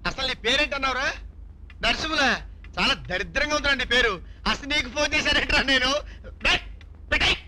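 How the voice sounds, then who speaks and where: A frantic, bright-voiced salesman. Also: very high-pitched, fast, a little hiss or hum, exaggerated voice. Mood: panicky. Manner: frantic, full of wailing exclamations. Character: bumbling, panicky young man, a cosmetics salesman. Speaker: film comedian. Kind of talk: film comedy acting.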